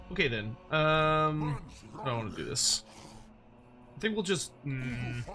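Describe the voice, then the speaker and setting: Bright-voiced man commentating a game, music behind. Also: on the high side. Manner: wry, playful, swears casually. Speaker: game streamer. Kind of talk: casual gameplay commentary.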